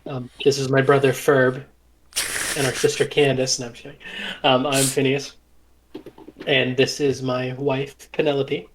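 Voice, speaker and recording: A man's voice: medium pitch, little pitch movement, moderate pace, long pauses, slight background noise, close to an everyday voice. A man playing a grumpy, sarcastic old male satyr father in a tabletop game. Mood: dry.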